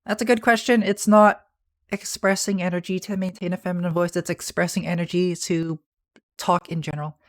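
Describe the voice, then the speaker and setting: A Canadian man who speaks English as his first language streams live, answering viewer messages in a soft, feminine-sounding, high voice. His delivery is flat and fairly quick, soft-spoken and rambling, with restarts and small laughs.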